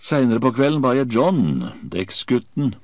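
A man's voice: medium pitch, very animated, darkish tone, no echo, studio quality. A man narrating an audiobook in the first person with a vivid, dramatic reading.

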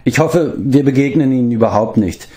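A man voicing a boastful, hot-tempered male bard who talks in an excitable, blustering way. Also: mid-range voice, a little fast, voice pushed up, close to an everyday voice. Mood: grumbling.

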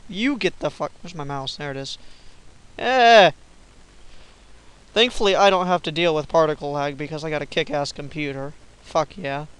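A young man giving casual, silly commentary over his own gameplay, swearing often and breaking into yells. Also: a little high, normal speed, clear, resonant tone, low-quality recording. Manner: swearing, silly, bursts of yelling. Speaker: gamer recording gameplay.

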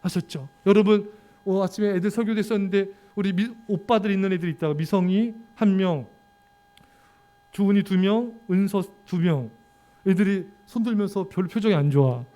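High-voiced pastor preaching with lively humor. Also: male voice, moderate pace, soft background music. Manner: lively and joking, teasing children in the congregation; breaks into sudden shouts for quiet. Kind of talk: sermon.

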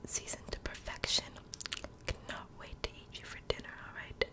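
A woman performs a whispered role-play for ASMR, barely voicing her words. Her delivery is soft and breathy, playful and doting, as if tending closely to the listener. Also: normal speed. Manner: playful, doting personal attention.

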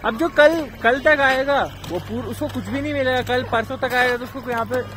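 A man's voice: very high-pitched, moderate pace. A young man vlogging outdoors on a mountain trail, chatting casually to his viewers and calling them brother, filmed on a handheld camera. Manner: chatty, addresses viewers as bhai. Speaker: travel vlogger. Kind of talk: casual vlog chat.

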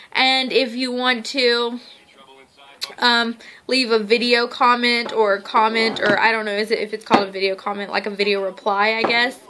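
A woman's voice: a little high, pushed and bright. A young woman chatting casually to the camera as a vlogger, in an informal, easily sidetracked way. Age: young adult. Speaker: vlogger giving daily fitness updates. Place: living room at home, on a couch. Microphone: camera or phone at arm's length. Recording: noisy home phone-style recording, clicks. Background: noise, small child playing nearby.

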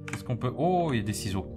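A man hosting a let's play, chatting casually and jokingly as he thinks aloud through the game. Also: mid-range voice. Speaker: gaming video host. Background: game music.

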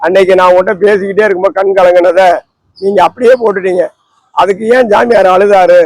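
A man's voice: high voice, fairly even intonation, fast, a little mellow, no room sound, poor audio. A man, a holy man, talking outdoors under a tree in an impassioned, lamenting and preachy way. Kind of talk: impassioned talk.

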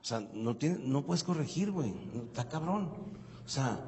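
Middle-aged Mexican comic, slightly high voice, crude slang-laden delivery, live venue reverb. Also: male voice, lively intonation, moderate pace, darkish tone. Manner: crude slang-heavy storytelling, acting out both sides of a dialogue. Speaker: stand-up comedian. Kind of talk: stand-up comedy routine. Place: stage before a live audience. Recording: reverberant venue with faint ambient noise.

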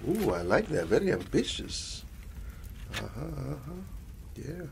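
Fully in character, a man portrays an affectionate grandfather with a Latin American Spanish accent, quietly narrating a bedtime tale for ASMR as he rambles, repeats endearments, and switches between Spanish and English. His mid-range voice is very animated, with vocal fry and a measured pace. The mood is gentle and engaged, over a little hiss or hum.

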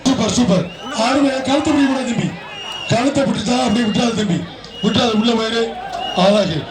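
A man announcing a live bull-taming event through a megaphone or loudspeaker, with loud, rapid calls and repeated phrases. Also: very high voice. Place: outdoor bull-taming arena with crowd. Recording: echoing loudspeaker outdoors, crowd noise.

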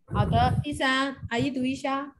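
A woman's voice: high voice, fairly even intonation, moderate pace, heavy background noise. A woman teaching a Chinese class, explaining phrases and calling on students to read. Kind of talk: classroom instruction.

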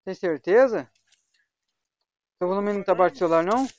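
A young Brazilian man chats casually on a gaming livestream, slangy and talkative with voice chat as he plays. His high voice moves fairly quickly with a darkish tone, picked up by a dull, lo-fi home stream mic.

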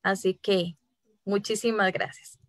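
A woman gives short, practical announcements at an event, speaking quietly. Her voice sounds dry and close, in a medium pitch. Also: fairly even intonation, unhurried, no room sound.

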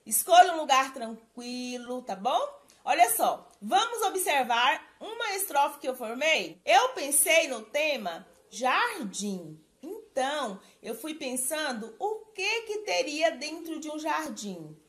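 A woman from Brazil, a primary school teacher, giving a recorded lesson to children in a slow, careful, sing-song way. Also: high voice, very animated.

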